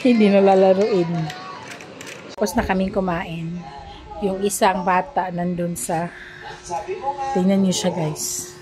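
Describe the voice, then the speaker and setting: Slow-talking Filipino mom vlogging at home. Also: female voice, mid-range voice, steady tone, rough recording. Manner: switches between Filipino and English, coaxing her child. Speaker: vlogger and mother. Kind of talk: casual family vlog chat. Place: family home. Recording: home recording with background noise.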